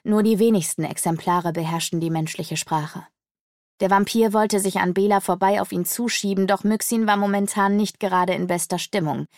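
A woman narrating a dark fantasy novel in a measured storytelling manner. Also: mid-range voice, steady tone, dry recording, studio quality. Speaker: audiobook narrator. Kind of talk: scripted narration.

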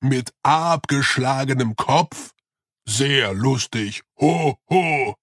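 A gentle giant of a yeti rumbles out his words very slowly, as a man puts him on. He jumbles his word order like a creature new to speech. The storybook sound is dry and close. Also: no room sound. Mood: ponderous. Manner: slow, odd word order.

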